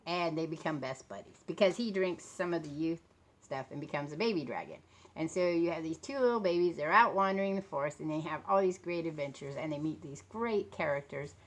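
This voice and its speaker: A woman's voice: deep voice, fairly quick. A woman in her late fifties chatting casually and rambling for a vlog, tired, with a sore throat and speech slightly affected by a swollen lip. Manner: talking a bit funny from a swollen mouth. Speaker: vlogger talking about books and authors.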